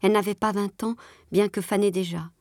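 A woman reading a literary story aloud in a measured, expressive way. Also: mid-range voice, no echo, clean studio sound. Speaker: audiobook reader.

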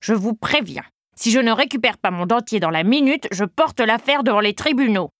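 A woman's voice: a little high, expressive, moderate pace, fairly bright tone, no echo, studio quality, pitched above the performer's own voice. A woman voicing a pompous, indignant old man threatening to sue.

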